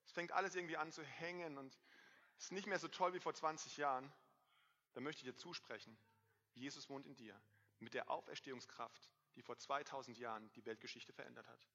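A man in his thirties preaching a sermon to a congregation, lively, swinging between loud emphasis and quiet asides. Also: medium pitch, fairly quick, husky. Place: church hall. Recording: dull, reverberant hall sound.

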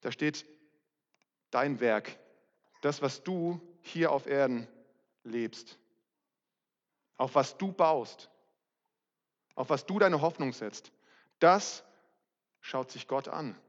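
A man's voice: fairly high pitch, slow, pauses often. A middle-aged man preaching a sermon as pastor, candid and self-mocking in a conversational way. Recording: muffled, reverberant hall recording.

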